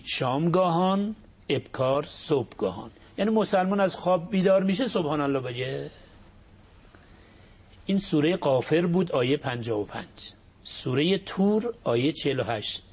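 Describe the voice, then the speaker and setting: A man giving a religious talk as a cleric. He explains points quickly and then slows right down to recite verses in a drawn-out chant. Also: on the high side, darkish tone, husky. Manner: shifts between quick explanation and slow, drawn-out Arabic recitation.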